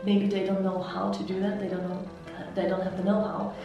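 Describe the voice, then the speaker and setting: A Slovak interpreter and language mentor answers interview questions in measured, explanatory fashion with a Slovak accent. Her mid-range voice is flat with vocal fry, and the highs are cut off. She's recorded from some distance in an echoey room with soft music behind her.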